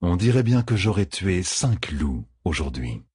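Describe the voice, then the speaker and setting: A man's voice: deep voice, very animated, measured pace, a little mellow, slightly rough, no room sound, clean studio sound, heavily acted. A man doing a cold, mocking killer. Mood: cold menace. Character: cold, cruel male hunter, calm and mocking.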